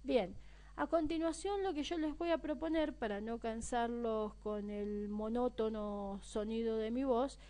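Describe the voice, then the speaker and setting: Mellow woman teaching an online course. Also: fairly high pitch, a little slow. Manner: explanatory, addresses students directly. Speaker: course instructor. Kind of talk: recorded online lesson.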